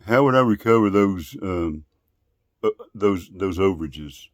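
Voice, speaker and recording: A man in casual phone conversation, asking questions in a polite, deliberate, long-winded way. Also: deep voice, lively intonation, no echo, studio quality. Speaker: call recipient.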